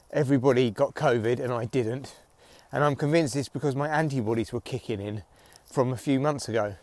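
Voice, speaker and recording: A man's voice: on the high side, a little mellow, no echo. A middle-aged British man chatting casually and wryly, with swearing, recorded outdoors on a walk through headphones used as a mic near his neck. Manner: sweary, wry. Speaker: podcast host and comedian. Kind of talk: casual solo chat, rambling audio diary. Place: outdoors, walking in the evening.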